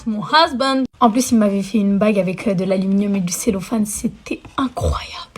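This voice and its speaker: A woman's voice: medium pitch, fast, a little mellow. A young woman telling a childhood story in a chatty, dramatic way, full of slang and English phrases. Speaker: storyteller vlogger. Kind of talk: casual story time.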